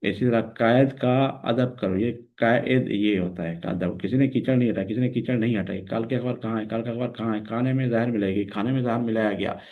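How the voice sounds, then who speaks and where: A man's voice: mid-range voice, brisk, few pauses. A man teaching a grammar lesson, patiently repeating each wrong sentence and then its correct version. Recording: tinny phone-like audio.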